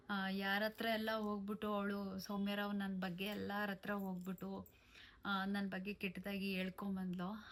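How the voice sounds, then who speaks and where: A woman telling a personal story of betrayal, aggrieved and emotional, with pauses and restarts. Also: medium pitch, a bit bright. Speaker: vlogger. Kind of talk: personal testimony to camera.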